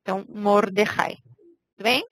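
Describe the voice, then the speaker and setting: A woman's voice: medium pitch, moderate pace, fairly bright tone, no echo, rough recording. A woman teaching a language lesson, patiently explaining step by step and checking in with her students. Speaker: Hebrew teacher.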